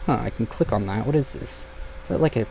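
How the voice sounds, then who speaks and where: Casting note: young male gamer, gravelly edge, chatty and thinking aloud, faint hiss behind. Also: mid-range voice, lively intonation, fast talker, mellow. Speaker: gaming YouTuber. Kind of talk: casual gameplay commentary.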